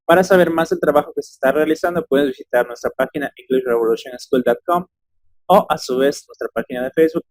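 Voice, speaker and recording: A man's voice: medium pitch, darkish tone, dry recording. A man teaching English phonetics in Spanish, explaining step by step and modeling sounds aloud one by one. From Ecuador. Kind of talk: phonetics lesson.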